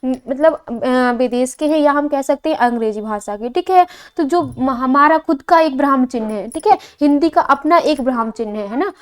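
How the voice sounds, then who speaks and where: A young woman with a high voice teaches an exam coaching lesson. She keeps asking her class a question and then answering it herself, repeating each key point with plenty of fillers. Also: moderate pace, hardly any pauses.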